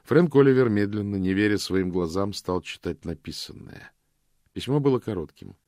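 A man narrates an audiobook from a script, telling the story in a steady, measured way. His voice sits on the low side, and the studio recording is clean with no echo.

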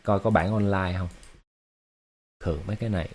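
A man's voice: low voice, steady tone, fairly quick, a little mellow, slight background noise. A man hosting a casual livestream, talking to his viewers in an explanatory way, with lots of fillers and repeated words. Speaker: livestream host.

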